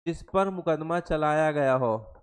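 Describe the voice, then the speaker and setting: A man's voice: on the high side, animated, unhurried, clear, resonant tone. A young man teaching an exam-prep Hindi class, who mixes English terms into his Hindi, repeats each definition and quizzes the class with questions. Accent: Hindi with English terms mixed in.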